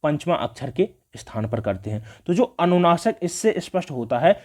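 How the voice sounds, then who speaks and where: Guy teaching grammar for exam prep, slightly high voice, keeps asking stuff then answering it himself. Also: sing-song, moderate pace, a little mellow. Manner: asks the class questions and answers them himself, with many "देखिए" and "ठीक है".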